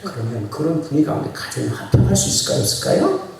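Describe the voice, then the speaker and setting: Male pastor, high and very animated, folksy sermon with shouted peaks, distant mic in a very echoey church. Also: fast talker, creaky, slight background noise. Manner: animated preaching, swings from quiet asides to shouting; laughs often, chatty and folksy. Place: church sanctuary. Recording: very echoey church hall, preacher heard from far off.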